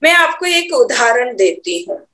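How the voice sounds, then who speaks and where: A woman teaching Sanskrit pronunciation for Vedic chanting, slowly demonstrating each syllable. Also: fairly high pitch, big pitch swings, pushed and bright, echoey room. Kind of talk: online pronunciation lesson.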